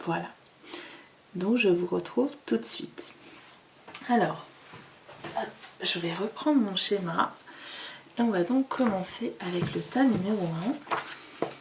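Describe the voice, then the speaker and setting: A woman giving a card-reading guidance in a calm, hesitant way, with many fillers, seated at a table with her cards. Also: medium pitch, takes it slowly, gravelly, long pauses, a little hiss or hum. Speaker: tarot reader.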